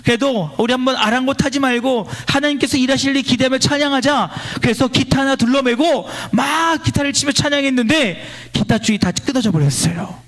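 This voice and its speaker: A male pastor preaching at a church service, leading a line-by-line scripture reading and swinging between loud exclamations and quiet storytelling. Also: very high-pitched, brisk, hardly any pauses. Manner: exclaims praise lines loudly, then drops to quiet storytelling. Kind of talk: sermon.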